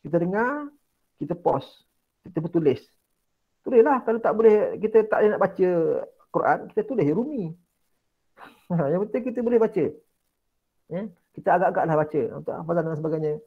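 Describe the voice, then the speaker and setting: A man's voice: sits high, animated, a little fast, pauses often, phone-quality sound. A Malaysian male religious studies teacher giving an online exam-prep lesson, coaxing students and repeating key words. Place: indoors, online class.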